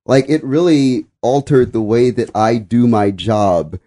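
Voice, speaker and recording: A man's voice: mid-range voice, a little slow, mellow. A man who works as a music reviewer, talking casually as a podcast panelist. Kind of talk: casual discussion.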